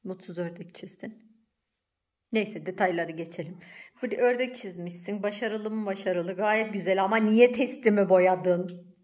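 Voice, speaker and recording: A woman hosting a casual home vlog, talking to viewers and her daughter in an animated, exclamatory way, with a playful scolding tone. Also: medium pitch, moderate pace. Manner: switches to a cooing baby voice for the cat. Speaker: vlog host and mother. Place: home indoors.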